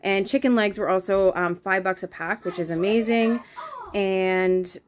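A woman's voice: mid-range voice, measured pace, slight background noise. Chatty mother rambling through a haul. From Canada. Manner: chatty, rambling with many ums, asides to kids. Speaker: vlogger. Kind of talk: casual grocery haul vlog. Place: home kitchen indoors. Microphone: phone camera held close.

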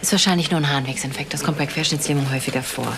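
Low-voiced, reassuring female doctor. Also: very fast, noisy background. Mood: caring, professional. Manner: gentle, attentive, matter-of-fact. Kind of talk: naturalistic TV hospital drama.

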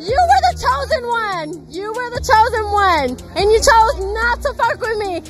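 Very high-voiced sassy young woman. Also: expressive, moderate pace, faint music behind, rough recording. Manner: sassy, confident. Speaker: interviewee. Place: city street at night, outdoors. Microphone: handheld mic.

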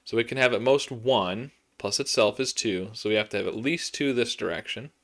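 A man's voice: mid-range voice, normal speed, fairly bright tone. A man in his thirties hosting a puzzle tutorial, reasoning aloud step by step and counting cells, with frequent ums, recorded by a webcam at his desk in a small home room. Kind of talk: think-aloud puzzle walkthrough.

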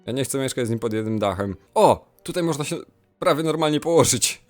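A young man giving playful, excitable commentary while playing a game. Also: mid-range voice, brisk, soft background music. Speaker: gamer. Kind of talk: Roblox let's play commentary.

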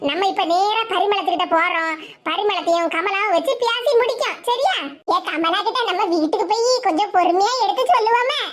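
A woman's voice: very high voice, brisk, background noise. A woman voicing comic cartoon dialogue in chatty village banter, with a Tirunelveli Tamil accent. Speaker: cartoon voice artist.

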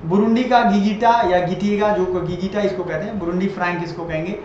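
A man with a high voice gives a lecture, repeating each point and quizzing his listeners. The recording sounds very echoey and dull, as if captured on a built-in mic in a bare room, with faint noise underneath. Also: steady tone, brisk, darkish tone. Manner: repeats items and quizzes the viewer. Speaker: exam-prep teacher. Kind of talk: classroom-style lecture over a map.

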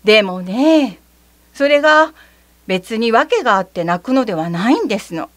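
A woman narrating a children's story gently and expressively, with a slightly theatrical touch. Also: on the high side, big pitch swings, normal speed, no room sound. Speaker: reader.

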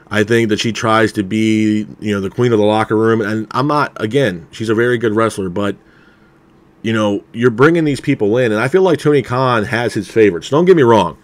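A man giving a casual spoken review of a wrestling show, candid and opinionated, padding his talk with "you know" and "man". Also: on the low side. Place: unseen, voice over a title card.

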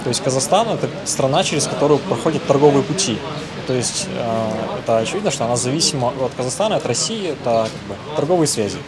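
A man's voice: medium pitch, lively intonation, quick pace, rough recording. A man answering a street interview, explaining his views steadily outdoors. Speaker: passer-by. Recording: loud street crowd behind.

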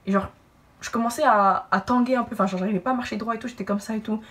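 A young woman telling a personal story to camera in a casual, animated way, acting out what others said. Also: a little high, racing, recorded from a distance. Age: young adult. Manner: animated, lively asides and acted-out quotes. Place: indoor room, brick wall behind.

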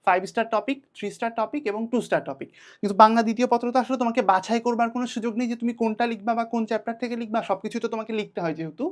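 A woman's voice: a little high, very fast. A young woman with a Bangladeshi Bengali accent teaching an exam-prep lesson, talking to students in a direct, urgent way.

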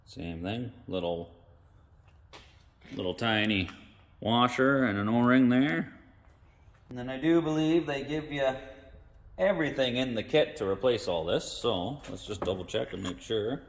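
Working through a carburetor rebuild at an indoor garage bench, this man chats in folksy slang as he thinks out loud. He speaks at a medium pitch, unhurried and with long pauses, and the recording has a big-room sound.

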